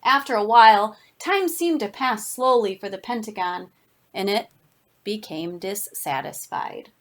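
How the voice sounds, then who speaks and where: A woman's voice: mid-range voice, unhurried. A woman reading a picture book aloud to children expressively, unhurriedly adding asides and pointing things out along the way.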